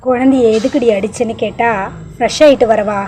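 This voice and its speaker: A woman voicing a young man who is a gentle, loving father, speaking tenderly. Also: on the high side, fairly even intonation, fairly quick, slight background noise, lightly acted. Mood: indignant. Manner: tender, coaxing.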